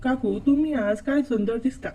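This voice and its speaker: A woman's voice: fairly high pitch, moderate pace, mellow, dull audio. A woman voicing a nervous, apologetic young man in a told story. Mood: timid.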